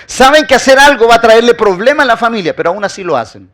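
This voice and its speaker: High-voiced preaching pastor. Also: male voice, lively intonation, fast talker, a bit bright. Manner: preaching with rhetorical questions and emphatic repetition. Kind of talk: sermon.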